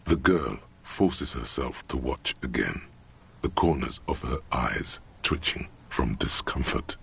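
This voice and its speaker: A rumbling, gravelly game narrator. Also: male voice, expressive, fairly bright tone, slight background noise, heavily acted. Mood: solemn. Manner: slow, solemn, descriptive.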